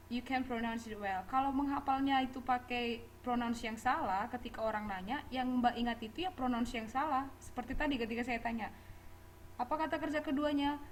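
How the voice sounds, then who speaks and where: Higher-pitched woman teaching a class. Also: slight background noise, rough recording. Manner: mixes Indonesian and English, drills pronunciation, chuckles often. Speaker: English teacher. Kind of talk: classroom lecture.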